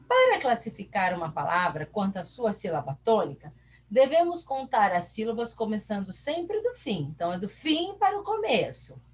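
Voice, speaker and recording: With huge pitch swings in a medium-pitched voice, a Brazilian woman moves at a moderate pace through a recorded lesson, slight background noise audible. She speaks with a Brazilian Portuguese accent, asking and answering her own questions and drawing out syllables.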